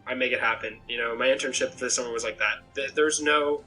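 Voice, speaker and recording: A young man from Maine, USA, a game contestant, talks about himself in a rambling, reflective pregame interview over a laptop webcam call from a small bedroom, restarting often. He talks fast in a mid-range voice that is bright and forceful, with fairly even intonation. Soft music plays in the background of the low-quality recording.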